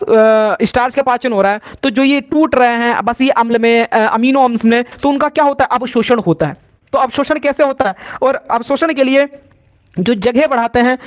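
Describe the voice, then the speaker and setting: Male science teacher a very high voice and a lilt, live lesson, drills each point in call-and-response. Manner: repetitive call-and-response teaching, answering his own questions.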